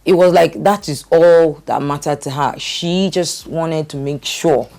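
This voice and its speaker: A woman's voice: sits low, unhurried, a little mellow. Hesitant middle-aged woman telling her story. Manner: hesitant, with frequent fillers and restarts. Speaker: guest sharing her life story. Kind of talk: candid conversational storytelling.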